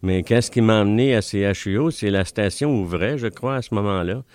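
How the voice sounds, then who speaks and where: Speaking briskly in a lowish, darkish voice, an older man from Ontario, Canada, chats as a radio studio guest with a Franco-Ontarian French accent. He gives casual interview answers into a studio mic. His talk wanders, packed with fillers.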